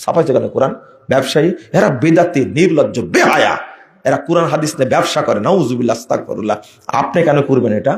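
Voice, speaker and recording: A man preaching an impassioned sermon, often shouting and scolding his listeners. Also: medium pitch, lively intonation, quick pace, gravelly, echoey room. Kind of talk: fiery sermon.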